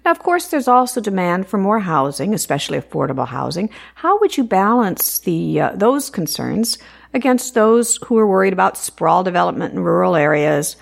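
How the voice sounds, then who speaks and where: A woman's voice: lowish voice, sing-song, normal speed, gravelly. A woman hosting a radio interview, asking questions in a friendly way with short affirmations.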